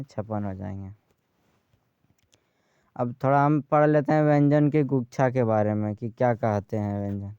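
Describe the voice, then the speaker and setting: A man teaching a grammar lesson, speaking slowly and repeating key terms for his students. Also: medium pitch, warm tone, clean tone, no room sound, dull audio. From Bihar, India.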